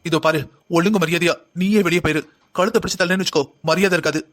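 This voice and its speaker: A man's voice: high-pitched, steady tone, very fast, a bit bright. A man voicing an upright young husband in a cartoon, stern and scolding. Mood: indignant. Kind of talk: cartoon voice acting.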